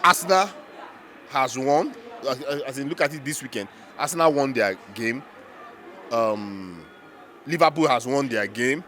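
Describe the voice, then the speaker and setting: A man's voice: mid-range voice, a little slow, sharp tone, some chatter behind. A man with a Nigerian accent giving unscripted football reaction as a fan, emphatic and repeating phrases for effect.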